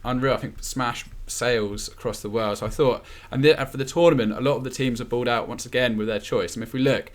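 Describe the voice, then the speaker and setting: A man hosts a casual football podcast. His voice sits in a middle pitch, and he talks in a chatty, easygoing way, laughing often and restarting his sentences. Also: fast talker, few pauses. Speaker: podcast host.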